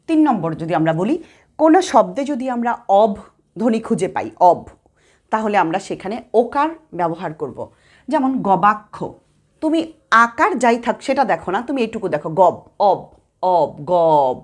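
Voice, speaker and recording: A young woman with a Bangladeshi Bengali accent, teaching an exam-prep grammar lesson step by step and repeating sounds aloud with frequent check-ins. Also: medium pitch.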